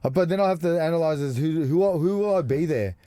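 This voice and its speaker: A man's voice: on the high side, quick pace, mellow, dry recording. A middle-aged man from Macedonia, co-hosting a podcast in casual chat, laid-back and swearing freely. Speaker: podcast co-host. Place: small caravan music studio.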